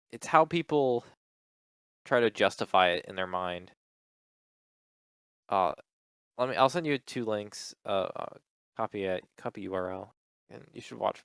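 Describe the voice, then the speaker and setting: A man's voice: lowish voice, fairly bright tone, clear, resonant tone, no room sound, clean studio sound. A man co-hosting a podcast, telling a rambling story in casual chat, acting out quotes and swearing freely. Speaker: podcast co-host.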